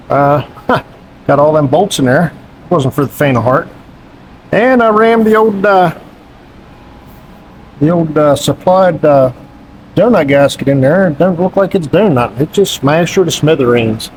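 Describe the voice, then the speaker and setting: A man's voice: fairly high pitch, slight background noise, rough recording. A man working as a mechanic, chatting casually and joking in a folksy country way while rebuilding an engine in a garage. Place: garage workshop.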